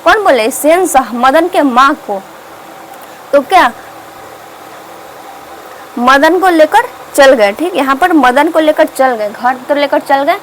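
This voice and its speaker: A woman teacher with a high, expressive voice explains a story to her students, going slowly and pausing often. She repeats herself and asks questions only to answer them herself. The recording is rough, with a little hiss or hum.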